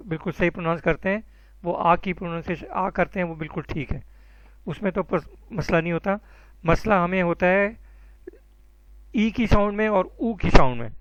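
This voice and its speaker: Man, high voice, patient teacher, dry close sound, muffled lo-fi. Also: fairly bright tone, no echo. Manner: patient, encouraging, calls students by name. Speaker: Arabic teacher. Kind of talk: online class teaching.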